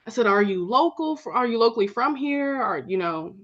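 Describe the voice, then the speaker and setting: A woman guest on a podcast telling a story in a lively way, often laughing. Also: on the high side, brisk. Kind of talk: casual storytelling. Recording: dull, lo-fi sound.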